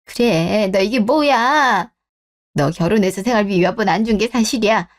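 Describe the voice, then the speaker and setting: A woman's voice: mid-range voice, normal speed, lightly acted. A woman voicing a blunt, worried middle-aged mother who scolds her son in a radio drama. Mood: scolding. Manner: scolding, exasperated questions.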